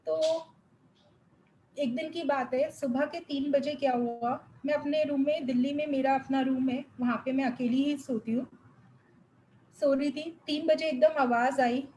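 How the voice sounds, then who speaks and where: A woman's voice: high voice, fairly even intonation, measured pace, a little mellow, slight background noise, poor audio. A young woman giving an earnest, emotional spiritual testimony to a congregation, mixing English words into her speech. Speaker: devotee sharing a testimony.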